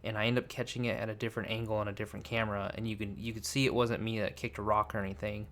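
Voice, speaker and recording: A man's voice: lowish voice, little pitch movement, very fast, fairly bright tone. A young man narrating paranormal investigation clips in a casual voice-over, hedging and searching for words with many fillers. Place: voice-over, not recorded on site. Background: faint background music.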